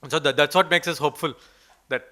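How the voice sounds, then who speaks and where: A man with an Indian English accent presents research slides in a conference hall and then takes questions. His voice is fairly high, fast and sharp-toned, and he sounds hesitant, with lots of fillers and restarts.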